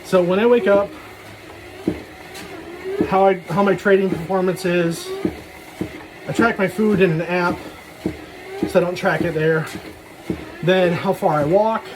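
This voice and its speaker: Out on a walk, a vlogger with a fairly high-pitched voice rambles casually through a personal vlog, drifting between thoughts and cracking self-deprecating jokes. Clear ambient noise, including some vehicles, can be heard behind him.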